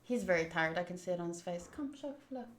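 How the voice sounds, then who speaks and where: A woman with a fairly low, expressive voice talks quickly as she hosts a visual novel live stream indoors at home, keeping things casual, playful, teasing and informal. The sound is roomy, with a little hiss or hum.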